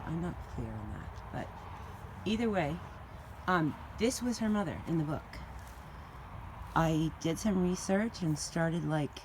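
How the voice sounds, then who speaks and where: Walking casually through a wintry outdoor cemetery, a woman records on her phone as she leads a tour as the author. Her voice is deep and slightly mellow, with a trace of hiss or hum in the audio. She's a little breathless, thinking out loud and using plenty of fillers.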